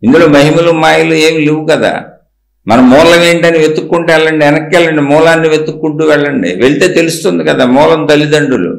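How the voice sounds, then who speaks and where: A man's voice: a little high, fast, vocal fry, reverberant. A man giving a spiritual discourse, asking rhetorical questions and answering them himself in a repetitive, emphatic teaching cadence.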